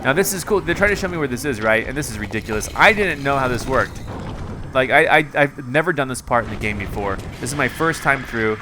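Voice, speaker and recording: A young man talks loosely over his gameplay footage, rambling and laughing at his own mistakes. He sometimes breaks into excited yelps, and a layer of noisy game sound runs under his voice. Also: medium pitch, brisk. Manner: self-mocking, rambling, bursts of excited yelling. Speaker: gaming commentator. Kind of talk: casual gameplay commentary.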